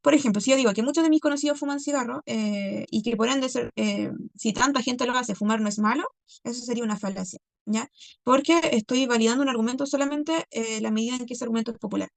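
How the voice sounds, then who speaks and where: A woman teacher reviewing a class lesson, checking in constantly with "¿ya?" and "¿cierto?" and pausing on many fillers. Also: fairly high pitch, gravelly, dry recording. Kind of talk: recorded class review lecture.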